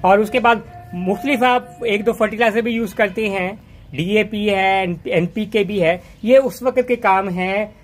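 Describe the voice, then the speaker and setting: A gardening channel host with a high-sitting voice strolls through his rooftop garden outdoors, talking unhurriedly into a handheld phone. He chats casually, rambling and often restarting his words.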